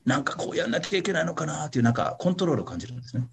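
A man's voice: a little high, very animated, racing, vocal fry, slight background noise. A man pastor giving a casual teaching sermon online, chatty and playful, tagging his sentences with little questions to the listeners. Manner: chatty, keeps adding a questioning "ne" tag; playful, acts out little voices for examples. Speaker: pastor leading a Bible study. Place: online meeting with a congregation.

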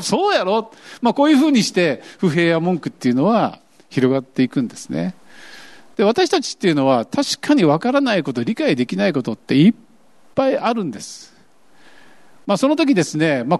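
A man preaching a sermon as pastor, acting out grumbling voices as he tells it, with a lilt. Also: sits high. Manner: animated, acts out quoted grumbling voices.

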